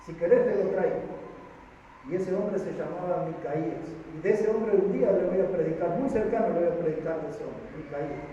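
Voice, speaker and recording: A man's voice: high-pitched, fairly quick, dark tone, slight background noise. A man with a Rioplatense Spanish accent, a pastor preaching a sermon and acting out dialogue with rising emphasis. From Argentina. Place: church hall. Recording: echoey church hall from far off, dull sound.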